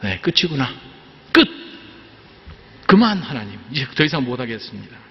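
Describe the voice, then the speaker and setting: A worn-out older prophet pleads to be let go, his voice lifted high and strained with despair, as a preacher acts him out. The sound is dull and rings through a large echoey hall. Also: big pitch swings, moderate pace. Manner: pleading, raised pitch.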